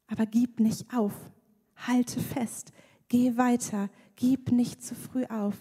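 A woman preaches with a slightly high, lively voice, slipping into playful acted voices now and then. Her sermon rings through a large hall with a long reverb. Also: slow pace, slightly rough.

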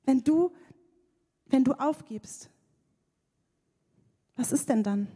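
A woman preaches with a slightly high, lively voice, slipping into playful acted voices now and then. Her sermon rings through a large hall with a long reverb. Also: slow, slightly rough.

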